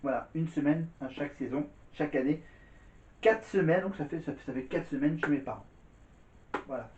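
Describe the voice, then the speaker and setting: A man talks to his viewers in a loose, rambling vlog, circling back to repeat himself. His voice sits a little high. The recording is dull and lo-fi, with a roomy echo around him. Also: moderate pace, darkish tone. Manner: rambling, repeats words and says "voilà" often. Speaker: vlogger. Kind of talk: casual vlog chat to camera. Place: indoors at home. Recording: echoey room, dull lo-fi sound.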